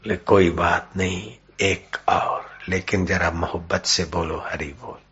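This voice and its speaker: A man giving a devotional sermon, telling a story and acting out its characters with dramatic pauses. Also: low-pitched, flat delivery, fairly bright tone. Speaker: spiritual preacher. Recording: dull lo-fi recording with faint music.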